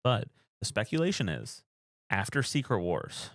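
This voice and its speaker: A man co-hosting a podcast, chatting casually and explaining at length in a deadpan way. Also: fairly low pitch, normal speed, gravelly, no echo, studio quality. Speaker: podcast co-host. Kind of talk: casual chat about movies.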